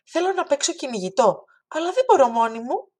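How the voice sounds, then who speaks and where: A woman voicing an eager, curious little girl in a storybook reading. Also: sing-song. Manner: high, bright, insistent when refusing.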